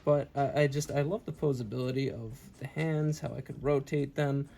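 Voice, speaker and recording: This man, a channel host who reviews toys, has a mid-range, dark voice with vocal fry, holding a steady tone at a moderate pace. Still recovering from wisdom tooth removal, which shows in his speech, he delivers an earnest, enthusiastic, casual review of his hobby and tends to repeat himself.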